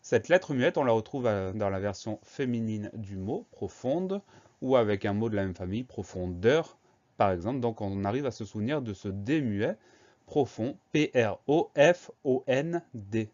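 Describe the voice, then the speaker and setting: A man's voice: fairly low pitch, lively intonation, moderate pace, a little mellow, dull audio. Patient male teacher spelling words aloud. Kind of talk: spelling lesson.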